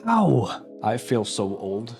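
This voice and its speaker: A young man talks through a video on his livestream in a loose, rambling way. He makes fun of himself as he goes, at an ordinary middle pitch, with faint music behind him. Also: big pitch swings, takes it slowly, gravelly, darkish tone. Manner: rambling, offhand, self-mocking. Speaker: streamer reacting to a video. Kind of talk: casual stream commentary.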